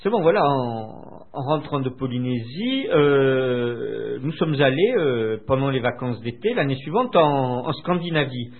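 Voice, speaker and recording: Older man reminiscing, husky and lively. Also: mid-range voice. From France. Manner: hesitant, many filler pauses. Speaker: interviewee. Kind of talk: recounting memories in conversation. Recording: tinny phone-line sound.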